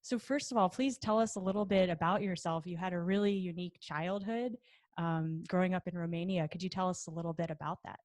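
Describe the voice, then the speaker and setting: A woman hosting an interview, reading a guest introduction in a clear, measured way. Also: fairly low pitch, a little mellow, no echo, studio quality. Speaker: interview host.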